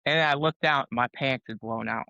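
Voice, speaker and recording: Casting: male army veteran storyteller, loud and bright, salty language, dry close sound. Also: medium pitch, moderate pace, gravelly, clear, resonant tone, no room sound, highs cut off. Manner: laughing, profane, animated storyteller. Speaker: podcast guest, Army veteran. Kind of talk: casual storytelling.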